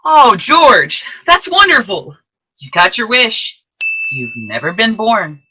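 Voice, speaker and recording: An actor voicing Clarence, an earnest second-class guardian angel, with animated, emphatic delivery in an old-time radio play. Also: mid-range voice, slow pace, background noise. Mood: excited, explaining.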